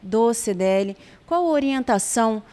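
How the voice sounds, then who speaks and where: Brazilian woman reporter, polite interviewer, higher voice, reverberant sound. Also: animated, normal speed, darkish tone. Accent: Brazilian Portuguese. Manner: polite, addresses guest as doctor. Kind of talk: interview questions.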